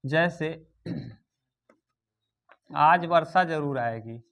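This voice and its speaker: A man's voice: sits high, animated, measured pace, a bit bright. Man teaching grammar, quizzing his class. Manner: repeats key terms, quizzes and dictates to students. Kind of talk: exam-prep grammar lesson.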